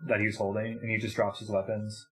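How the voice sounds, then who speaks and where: Tabletop game player, man, somewhat low voice, hesitant and rambling. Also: completely flat delivery, brisk, fairly bright tone, low-quality recording. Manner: hesitant, full of fillers. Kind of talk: casual tabletop game chat.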